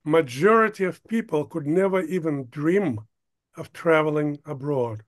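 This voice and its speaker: An older man from Ukraine, a producer, talking as an interview guest in a halting way, stopping often to search for words. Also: on the high side. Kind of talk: casual interview talk.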